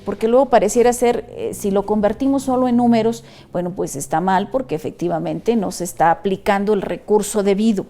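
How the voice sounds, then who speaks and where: A woman, a panel guest speaking in a measured, conciliatory way with frequent restarts. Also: mid-range voice, warm tone, a little hiss or hum. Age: 50s. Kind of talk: studio panel discussion.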